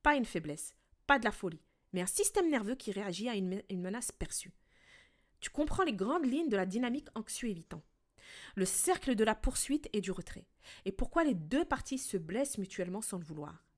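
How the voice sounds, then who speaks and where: A woman hosting a relationship podcast, talking calmly and directly to the listener as a coach in a scripted monologue. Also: mid-range voice, fairly quick.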